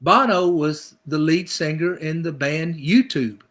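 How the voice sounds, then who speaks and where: A man's voice: a little high, unhurried, fairly bright tone. A middle-aged male pastor preaching a conversational sermon, acting out people's inner thoughts with repeated phrases.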